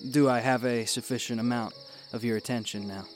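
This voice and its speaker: Guy as a cryptic posh-mannered scientist in a radio play, measured, faint music behind. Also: mid-range voice, steady tone, close to an everyday voice. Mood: self-assured. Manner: measured, formal, enigmatic. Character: mysterious, cultured male scientist who is invisible. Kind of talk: radio drama acting.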